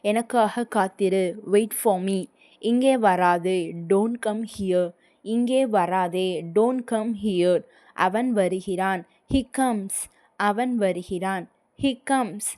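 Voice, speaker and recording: A young woman, teaching simple English phrases slowly and clearly, saying each one twice. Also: medium pitch, a little mellow. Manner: slow, deliberate, repeats each phrase twice. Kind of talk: slow language lesson with repeated phrases.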